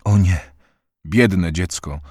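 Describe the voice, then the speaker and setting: A man reading a frightened, warm-hearted young woman in a slightly raised, anxious voice. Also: lowish voice, slow pace, no room sound, studio quality. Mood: distressed. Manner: anxious, pleading.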